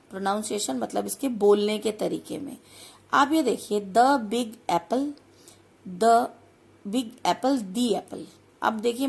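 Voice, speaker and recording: A woman teaching grammar, explaining step by step and slowing down carefully whenever she reads phrases. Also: on the high side, vocal fry, darkish tone, slightly rough. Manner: explains step by step, slows down sharply for English phrases. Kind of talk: classroom-style lesson.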